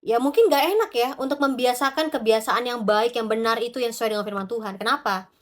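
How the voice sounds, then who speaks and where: A woman preaching a devotional sermon to her congregation, animated and talking straight to the listeners, acting out little quoted prayers along the way. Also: fairly high pitch, quick pace.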